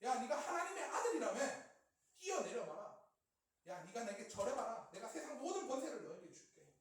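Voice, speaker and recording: A man's voice: very high-pitched, sing-song, fairly quick, voice pushed up. Man doing a jeering tempter guy, goading, big church echo. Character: sneering male tempter taunting from below. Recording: echoey church hall, distant mic.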